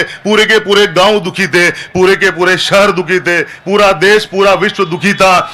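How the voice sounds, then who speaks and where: A man's voice: sits high, sharp tone. A man, a comic poet reciting live on a festival stage, chatty and always asking the crowd "haan?". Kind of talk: live stand-up poetry recital.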